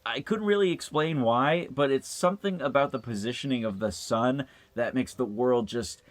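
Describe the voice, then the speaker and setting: A young male host talking through game maps in a relaxed, nostalgic way. His voice sits at an ordinary mid pitch, and he lets little chuckles slip in as he goes. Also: normal speed. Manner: laid-back, nostalgic, chuckling often. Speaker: YouTuber host. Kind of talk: casual video game commentary.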